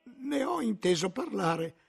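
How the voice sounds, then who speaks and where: A frightened, stammering monk, as a male reader puts him on, answering timidly in a raised, husky voice. His words come slowly and nervously in this dramatic audiobook reading. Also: sits high, sing-song, pitched above the performer's own voice, full character voice. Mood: fearful. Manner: stammering, fearful, quiet.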